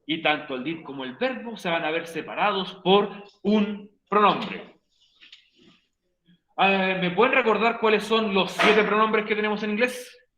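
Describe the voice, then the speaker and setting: Bright-voiced playful male teacher, roomy lo-fi. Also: high voice, a little slow. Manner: playful, joking with students; repeats key points for the class. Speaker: English teacher. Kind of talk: online class explanation in Spanish. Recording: roomy, dull lo-fi stream audio.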